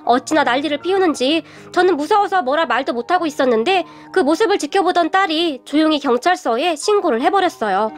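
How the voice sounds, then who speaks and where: A middle-aged woman narrating a personal radio story in the first person. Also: high voice.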